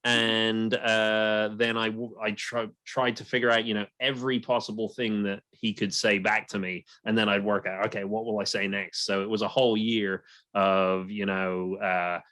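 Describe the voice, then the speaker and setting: A man's voice: fairly low pitch, level tone, moderate pace, pushed and bright, no room sound. A young man hosting a podcast, telling a story in a loose, rambling way. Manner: storytelling, many restarts and fillers. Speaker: podcast host. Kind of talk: casual podcast chat.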